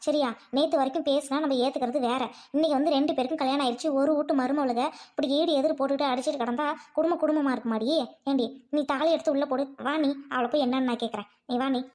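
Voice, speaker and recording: Woman doing a bossy big-sister-in-law, high voice, scolds everyone. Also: fairly even intonation, fast talker, few pauses, darkish tone, lightly acted. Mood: indignant. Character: bossy elder sister-in-law, protective of family. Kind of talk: Tamil audio drama acting.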